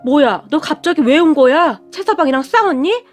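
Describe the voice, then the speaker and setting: A worried middle-aged mother, fretful and quick to fuss, as a woman puts her on with a high, rising voice. Soft music sits faintly behind this storybook telling. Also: expressive. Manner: anxious, fretful.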